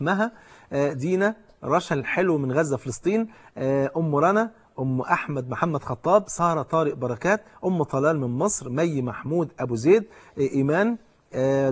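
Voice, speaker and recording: A middle-aged Egyptian preacher with a husky, slightly high voice, rattling quickly through long lists of names before turning to exhortation. His delivery is rapid and fervent, in the manner of a religious lecture. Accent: Egyptian Arabic.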